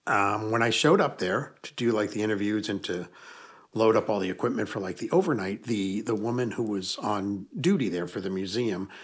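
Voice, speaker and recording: A man with a lowish, slightly breathy voice talks at a moderate pace as an author guesting on a podcast. His storytelling in this casual interview rambles, and he corrects himself as he goes.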